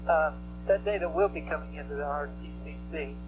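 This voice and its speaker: A man working as a network controller, giving halting, matter-of-fact technical reports over a headset radio loop. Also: fairly high pitch, noisy background. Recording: humming 1960s mission control radio loop.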